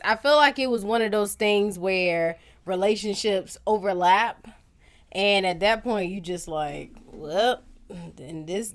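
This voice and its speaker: A woman co-hosting a casual chat podcast, candid and rambling, thinking out loud and saying "like" a lot. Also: medium pitch. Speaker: podcast co-host.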